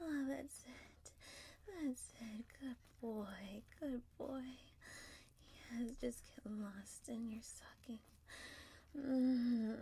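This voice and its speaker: Breathy whispering woman, slow and soft. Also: fairly high pitch. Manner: soft, mostly whispered, affectionate. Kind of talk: whispered intimate audio roleplay.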